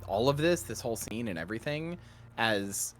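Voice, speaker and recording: A man's voice: medium pitch, lively intonation, normal speed, soft background music. A man chatting casually as co-commentator on a game playthrough, with faint background noise. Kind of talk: casual chat.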